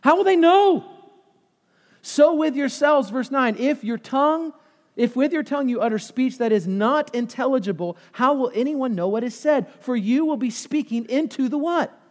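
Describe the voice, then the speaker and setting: A man's voice: very high voice, moderate pace, in a large hall. A man in his thirties preaching a sermon with passion, throwing questions out to the congregation. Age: 30s.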